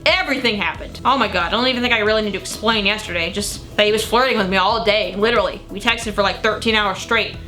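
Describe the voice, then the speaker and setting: A woman's voice: medium pitch, fast, few pauses, pushed and bright, soft background music. A young woman reading old teenage diary entries aloud in a dramatic, gushing way, breaking off for casual, sweary asides. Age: young adult. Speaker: vlogger.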